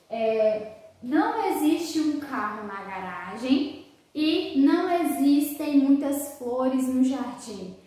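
High-voiced teacher in an echoey room. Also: female voice, a little mellow. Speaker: English teacher. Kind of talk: video lesson explaining grammar.

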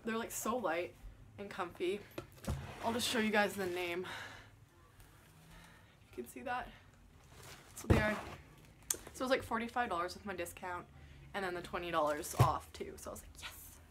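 A woman's voice: mid-range voice, a bit bright, slight background noise. Chatty young woman vlogging from her bedroom. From Canada. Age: young adult. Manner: chatty, lots of "like" and "yeah". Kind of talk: casual vlog chat. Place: small bedroom indoors. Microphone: phone camera at arm's length.

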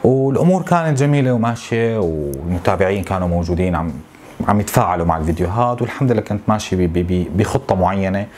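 A man in his thirties with a Syrian Arabic accent, venting to camera in a frustrated, complaining way, with halting repetitions. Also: low voice, darkish tone, slight background noise. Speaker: tech YouTuber. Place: small home office, indoors.

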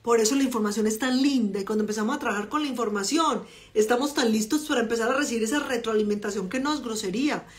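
A middle-aged woman with a Colombian accent leads a personal growth talk, her voice sitting a touch high. She moves between explaining ideas and animated storytelling, acting out the people she quotes. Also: quick pace. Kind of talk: motivational talk with personal anecdotes.

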